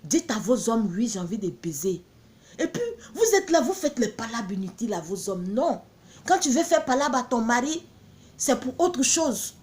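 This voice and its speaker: A woman's voice: a little high, big pitch swings, normal speed, a little mellow. A woman from Benin, selling her own products in a blunt, emphatic promotional monologue full of repeated catchphrases.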